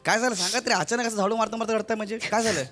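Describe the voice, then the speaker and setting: High-pitched man teasing in a comedy sketch. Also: steady tone, a bit bright, soft background music. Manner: teasing, quick banter breaking into laughs.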